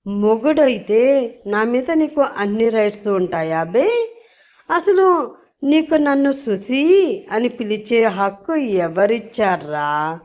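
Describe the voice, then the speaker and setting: A woman's voice: mid-range voice, big pitch swings, slow pace. A woman voicing a drunk, bossy wife who talks in thick, slurred words and scolds her husband. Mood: drunk, scolding.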